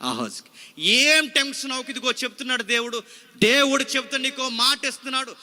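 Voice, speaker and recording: A man's voice: very high voice, animated, fairly quick, bright, forceful tone, in a large hall. A male pastor preaching a sermon, dramatic and full of rhetorical questions to the congregation. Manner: repeats scripture phrase by phrase after a reader.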